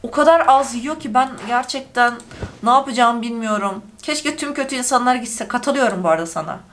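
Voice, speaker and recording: A woman's voice: a little high, fairly quick, a bit bright, a little hiss or hum. A woman hosting a gaming channel, chatting through a let's-play in a talkative, emotional way full of exclamations.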